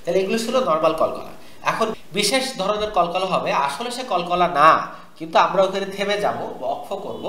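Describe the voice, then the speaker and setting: A man with a high, bright voice teaches Quran recitation, spelling out letters and saying each word slowly over and over. He asks his listeners to repeat after him. The sound is echoey, as if recorded in a room with bare walls. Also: lively intonation, a little hiss or hum. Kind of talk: tajweed lesson, spelling out and drilling words.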